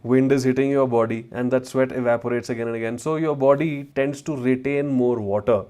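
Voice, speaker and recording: A man's voice: mid-range voice, steady tone, brisk, mellow. A man with a north Indian accent chatting informally as he hosts a livestream and answers viewers, slipping between English and Hindi slang. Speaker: travel vlogger and former chemistry teacher hosting a livestream. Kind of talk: casual livestream chat answering viewers' questions. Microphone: wireless mic.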